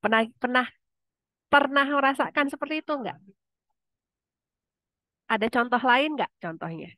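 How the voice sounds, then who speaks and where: A woman's voice: high-pitched, animated, a little slow, pushed and bright, no room sound. A woman lecturer leading an online class discussion in a conversational way, often asking her students questions.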